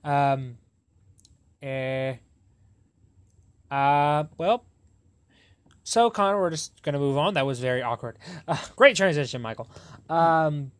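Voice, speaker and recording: A man's voice: on the high side, animated, slow, long pauses, smooth. A young man hosting a podcast in casual chat, rambling and correcting himself as he talks. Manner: rambling, self-correcting, laughs often. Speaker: podcast host.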